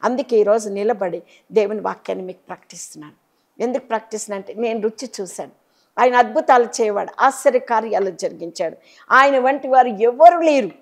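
A woman preaches a sermon with a Telugu accent, speaking as a bishop to her listeners. Her delivery is fervent, climbing to loud exhortation before sinking into soft, pleading tones. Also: on the high side, brisk.

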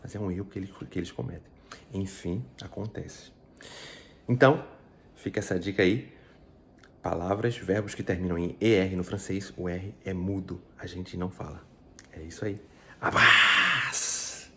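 A Brazilian man with a very low voice and a Brazilian Portuguese accent teaches French in a relaxed, chatty way. He explains each point step by step and keeps asking the listener whether they are following. Faint noise sits under the recording. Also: normal speed. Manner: chatty, explains step by step, frequent tag questions. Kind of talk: casual video lesson.

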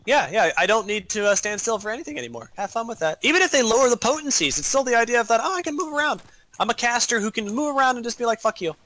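A man's voice: very high voice, lively intonation, rapid-fire, few pauses, pushed and bright. A man in casual gaming chat, ranting animatedly and swearing while explaining changes to his class.

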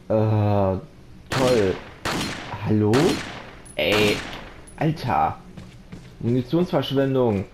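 A German man with a mid-range voice narrates his horror gameplay at a slow, drawn-out pace, talking to on-screen characters and his viewers. He startles easily and yelps straight into his close microphone. Game noise is clearly audible in the background. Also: medium pitch. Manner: jumpy, yelps and shouts when startled. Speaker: let's play commentator. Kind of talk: casual gameplay commentary. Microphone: close desk microphone.

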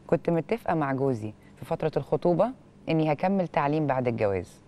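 This woman hosts a TV show and, in an Egyptian accent, reads a letter while commenting in an expressive, questioning tone. She's on a lapel mic in a studio, low-pitched and speaking fast.

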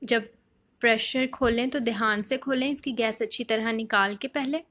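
A woman with a fairly high voice talks through a home recipe as a voice-over. She explains each step calmly and plainly, like a cooking channel host guiding viewers at home. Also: normal speed. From Pakistan. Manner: calm step-by-step instruction.

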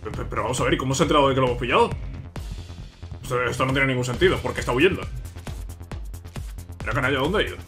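A man with an accent from Spain giving casual game commentary, often repeating phrases excitedly. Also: mid-range voice, rapid-fire, long pauses. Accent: Spanish from Spain. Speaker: gaming video host. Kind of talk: casual let's play commentary. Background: game music.

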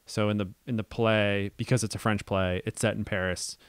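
Man, low voice, resonant, dry close mic, casual film podcast talk. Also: normal speed, clear, resonant tone, dry recording. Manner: relaxed, thinks aloud with many ums and restarts. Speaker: podcast co-host.

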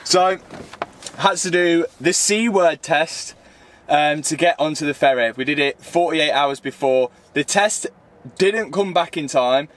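A young man chatting casually inside a car, joking and animated as he tells a story. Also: on the high side, measured pace. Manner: joking, animated, bursts of exclaiming. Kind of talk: casual chat.

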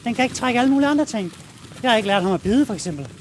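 A man's voice: extremely high pitch, animated, a little hiss or hum. A man with a Danish accent, a dog trainer explaining his method in a blunt, casual way while walking a dog outdoors.

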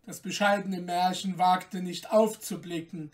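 A man hosting a podcast and reading a fairy tale aloud in a calm, gentle, measured way, recorded a little off the mic. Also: high voice, far from the mic. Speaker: storyteller, podcast host.

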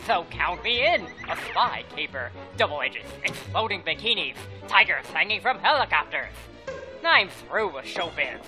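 An excitable, greedy cartoon duck with a wet lisp. The delivery swings widely and theatrically, always vain and wisecracking. Music plays clearly behind the voice. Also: male voice, sits high, normal speed. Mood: excited. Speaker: amateur voice actor in a fan dub. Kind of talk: exaggerated cartoon voice acting.

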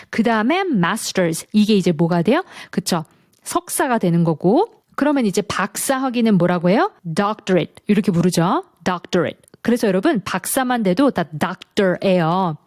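A woman gives an online English lesson. She explains each point step by step and models phrases slowly. Her voice is dry and close. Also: mid-range voice, darkish tone, dry recording. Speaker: English teacher.

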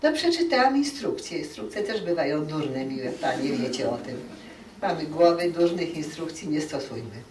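A woman lectures a room of teachers in a lively, animated manner, slipping into quoted voices of parents and children. Her voice sits a little low for a woman. It is recorded from across an echoey hall, with faint room noise behind her. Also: moderate pace, recorded from a distance. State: dry throat.

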